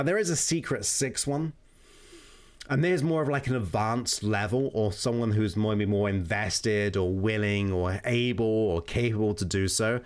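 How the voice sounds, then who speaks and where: A man giving informal self-help coaching, repeating and listing his points for emphasis. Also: medium pitch. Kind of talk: informal explanatory talk.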